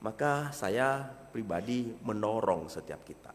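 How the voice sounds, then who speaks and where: Animated male preacher in a hall. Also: on the low side, measured pace, slight background noise. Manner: animated, swings from soft to loud emphasis. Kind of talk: sermon.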